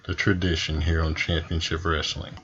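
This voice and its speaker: A man's voice: a bass voice, level tone, normal speed, a bit bright, lo-fi sound. A man playing a polite, slightly hesitant wrestling show announcer hosting a wrestling promo. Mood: businesslike.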